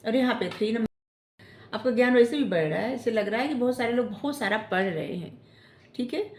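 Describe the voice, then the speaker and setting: Woman tarot reader, casual coaching delivery, slightly high voice, echoey room. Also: a little fast. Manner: gentle coaching tone, ends phrases with "theek hai?". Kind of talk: casual spiritual advice talk.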